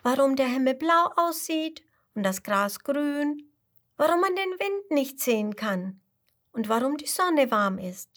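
A woman voicing a curious, excited little tiger cub with high, eager, drawn-out exclamations.

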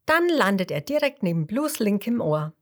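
A woman narrating a children's bedtime story gently and expressively, dropping into whispers and asking the listener questions. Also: medium pitch, very animated, normal speed.

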